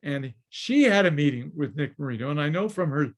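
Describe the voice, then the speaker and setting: An older man, formerly a studio story editor and screenwriter, tells showbiz anecdotes as a guest in an interview over a video call. His fairly high voice is expressive and fairly quick, and he chuckles while acting out the people he quotes.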